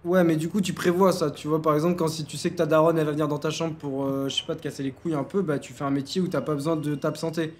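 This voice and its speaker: Jeune homme rapide et gouailleur. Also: male voice, a little high, little pitch movement, a little mellow. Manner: slangy, bossy, teasing. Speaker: game server admin and YouTuber. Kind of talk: casual Let's Play commentary.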